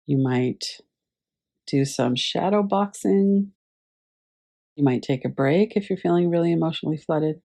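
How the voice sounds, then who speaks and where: Gravelly-voiced woman guiding a visualization. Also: low voice. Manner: gentle, unhurried guidance with pauses. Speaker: meditation teacher. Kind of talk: guided visualization class. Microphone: video call.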